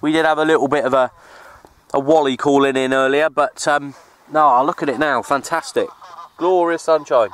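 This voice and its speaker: A man with a slightly high, steady voice talks at a moderate pace. Out on an open hill, this CB radio operator and vlogger narrates his radio session, chatting informally in a matey way, part casual vlog, part radio chat.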